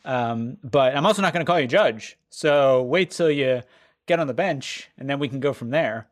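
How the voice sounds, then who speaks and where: A man in his thirties hosts a podcast interview, chatty and teasing, tossing in quick joking asides between questions. His voice sits at an everyday middle pitch. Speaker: podcast host.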